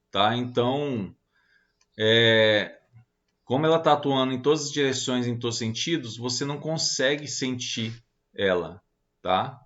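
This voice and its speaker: A man's voice: medium pitch, fairly bright tone, muffled recording. A man teaching an online lecture, talking casually with many fillers and checking questions as he walks through slides.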